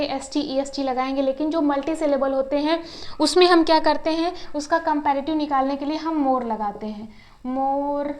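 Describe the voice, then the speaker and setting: A woman teaching an English grammar lesson in a classroom style. She asks questions and answers them herself, and she spells words out slowly, syllable by syllable. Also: high voice, a little mellow. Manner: slow, syllable-by-syllable word spelling.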